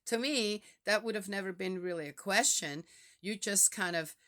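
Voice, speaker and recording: A woman's voice: mid-range voice, normal speed, pushed and bright. A woman from Switzerland with a Swiss German accent, talking in a reflective, casual way with many fillers and restarts.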